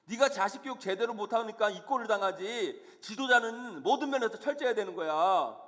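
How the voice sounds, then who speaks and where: Man doing a loud, nagging, finger-wagging God, high and reverberant. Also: animated, fairly quick. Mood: scolding. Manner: loud, reproachful lecturing. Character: scolding, nagging God, male, harsh. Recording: long church hall reverb.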